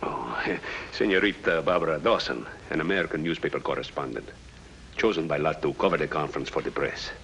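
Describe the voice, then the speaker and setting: An actor playing a formal, anxious government second-in-command in a 1950s radio drama. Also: male voice, a bass voice, a little fast, a bit bright, a little hiss or hum, low-quality recording. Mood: worried. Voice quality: formal, stiff.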